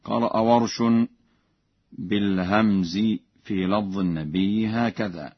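A man teaching Quran recitation. He gives measured explanations, then chants the examples slowly and melodically. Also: on the low side, husky, no room sound, dull audio.

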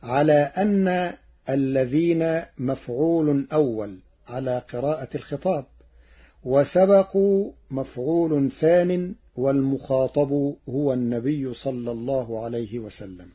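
Slow husky man teaching recitation. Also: mid-range voice, highs cut off. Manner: measured, methodical explanation. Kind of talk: explaining recitation variants with chanted examples.

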